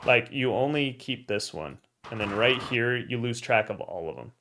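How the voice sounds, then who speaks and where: A young man casually reviewing gameplay clips as a coach, talking in a relaxed, blunt way with loose fillers and the odd swear word. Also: mid-range voice, moderate pace, a little hiss or hum. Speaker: gameplay coach and channel host.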